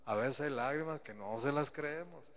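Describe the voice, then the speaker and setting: A man's voice: mid-range voice, moderate pace. Male priest, folksy sermon, calls for congregation replies, dull lo-fi stream with a long church reverb. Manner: asks rhetorical questions and calls for congregation replies; folksy, teasing preaching. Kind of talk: sermon and prayer at Mass. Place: church sanctuary.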